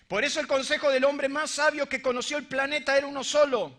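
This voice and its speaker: A middle-aged man with a Rioplatense Spanish accent preaching a sermon to a congregation, swinging from shouts to hushed lines. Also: very high voice, little pitch movement, fast talker.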